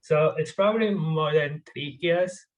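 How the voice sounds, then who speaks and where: A software engineer in his twenties from Gujarat, India, answers questions casually as a podcast guest, speaking a little slowly in a slightly high voice. He's hesitant, with many fillers and restarts, and laughs while talking. The audio quality is poor.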